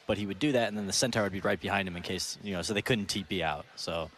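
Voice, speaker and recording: A man's voice: deep voice, steady tone, fast, fairly bright tone, a little hiss or hum. A man on an esports panel, explaining a play casually. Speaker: analyst panelist.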